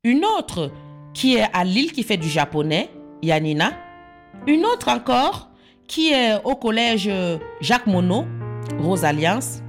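A woman, calmly telling her life story in short, plain sentences. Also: mid-range voice, slow pace. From Cameroon. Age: 40s. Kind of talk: personal testimony. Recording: soft guitar music underneath. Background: plucked guitar music.

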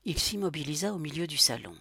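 A woman narrating a story as an audiobook, with steady, measured delivery. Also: low voice, gravelly, breathy edge, no room sound, clean studio sound.

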